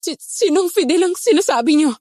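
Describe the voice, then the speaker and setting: A woman's voice: very high-pitched, lively intonation, fairly quick, mellow, no room sound, studio quality. A woman playing a frightened young nanny held captive, pleading and stammering. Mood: wary.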